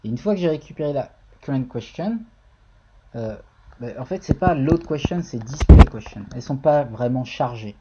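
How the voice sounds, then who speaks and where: A man's voice: mid-range voice, expressive, normal speed, highs cut off, heavy background noise. A man streaming a casual live-coding tutorial, thinking aloud and talking to viewers in the chat.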